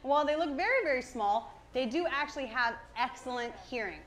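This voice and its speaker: With a high, fairly bright voice, lively intonation and a slightly fast pace, an enthusiastic woman presents an educational zoo talk to a live audience. She's a cheerful animal keeper using a worn or held presenter microphone, with clear ambient noise behind her.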